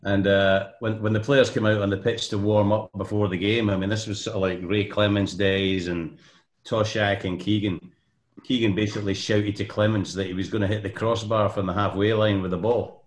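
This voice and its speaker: A man's voice: on the low side, flat delivery, moderate pace. An older man from Scotland with a Scottish accent, a podcast guest telling long anecdotes with many ums and restarts. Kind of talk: casual podcast chat. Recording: roomy echo.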